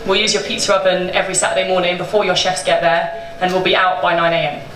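A woman's voice: on the low side, little pitch movement, quick pace, a bit bright. A young woman tells her story casually on stage, chatty and loose, with swearing and laughter running through her words. She speaks into a handheld mic in a small event room full of people, and the sound comes across roomy and from a distance, with room noise behind her. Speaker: bakery co-owner telling its story. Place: small indoor event space with a seated audience. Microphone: handheld microphone.

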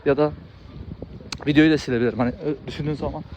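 A man's voice: a little high, fairly even intonation, very fast, a little mellow, slight background noise, rough recording. A man who makes videos, talking in a loose, rambling way with frequent laughs and restarts. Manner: chatty, laughs often, many fillers and restarts. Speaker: video creator. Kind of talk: casual rambling monologue.

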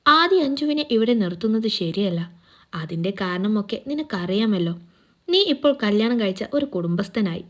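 A hearty, protective uncle around fifty, read out by a woman narrator. He talks in a fatherly, chatty way at a plain middle pitch in a storybook reading. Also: expressive, normal speed, natural voice. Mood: serious.

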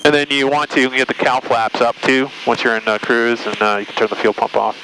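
A man speaks quickly and calmly as a flight instructor, coaching a student through cockpit tasks with plenty of fillers. He is heard through a headset intercom with steady engine noise underneath. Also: mid-range voice. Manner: calm, coaching, frequent fillers. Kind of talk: cockpit instruction and radio calls. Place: small twin-engine plane cockpit. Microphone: aviation headset.

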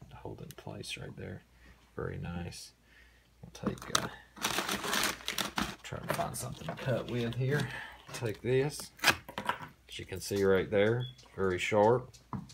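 A man hosting a casual unboxing, talking in a relaxed, rambling way with many fillers, recorded indoors on a camera mic. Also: sits low, vocal fry, background noise. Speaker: host. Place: indoor room.

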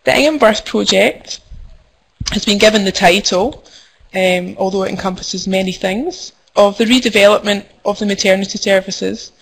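A midwife in her young adult years presents at a conference via web call, her Scottish accent coming through a low-quality computer mic. Her mid-range voice is creaky with a breathy edge and normal pacing, and she comes across as formal yet friendly, with plenty of ums.

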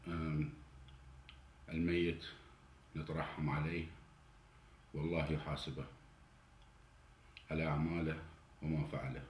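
A political commentator in his forties from Iraq, speaking with an Iraqi Arabic accent, delivers an indignant monologue straight to the camera from an indoor study with a flag and cabinet. His voice rumbles low and level, moving slowly with long pauses, and it grows heated and louder as he goes. The room gives a roomy echo with a faint hiss.

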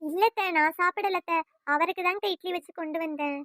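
A meek cartoon daughter-in-law, voiced by a woman, soft and deferential, very high and bright in tone. She answers with gentle pleading. The sound is dry and close. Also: brisk, no room sound. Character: meek young wife, polite and pleading. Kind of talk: cartoon voice acting.

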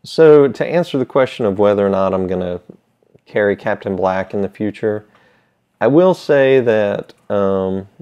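A man's voice: deep voice, darkish tone, smooth. A middle-aged man in a laid-back, hesitant, rambling casual chat to camera, talking around a pipe held in his mouth. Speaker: pipe tobacco seller. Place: small indoor room with shelves. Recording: slightly dull, lo-fi sound.

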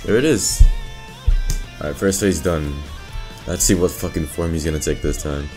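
A young man with a low voice narrates his gameplay, cursing and getting worked up at every turn. Game music plays clearly underneath his commentary. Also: moderate pace. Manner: excitable, profane, reacting loudly. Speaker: let's play host. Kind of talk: gaming commentary. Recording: music playing clearly behind.

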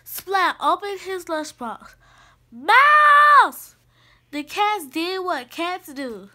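A woman's voice: very high voice, expressive, slow, pushed and bright. A woman reading a children's picture book aloud, carefully, with small restarts. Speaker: storybook reader.

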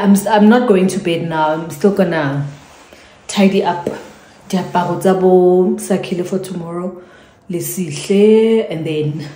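A woman's voice: lowish voice, mellow. A South African woman signing off her home vlog in a chatty way, repeating her thanks and trailing into fillers. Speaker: vlogger. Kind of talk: casual vlog sign-off. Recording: echoey room.

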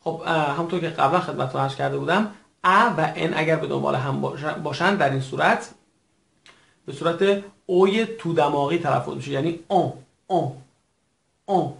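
Gravelly-voiced male language teacher, echoey room. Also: a little high, a bit bright. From Iran. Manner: formal, patient, repeats each word slowly for learners. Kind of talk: recorded language lesson.

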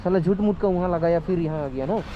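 A man's voice: high voice, fast. A man vlogging in casual chat while riding a scooter through town traffic, calling out to friends. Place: outdoors on a scooter in city traffic and at a petrol pump. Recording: muffled audio with loud road noise. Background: traffic and engines.

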